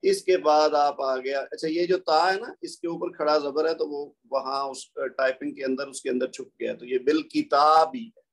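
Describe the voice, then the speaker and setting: Man with a Pakistani Urdu accent, patient teacher, slightly high voice, explains step by step and stops to recite the examples slowly. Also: steady tone. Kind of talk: recorded lesson.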